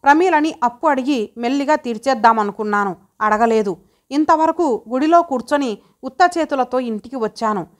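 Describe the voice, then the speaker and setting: A woman's voice: high voice, moderate pace, close to an everyday voice. Woman voicing a remorseful poor wife. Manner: self-blaming, pleading.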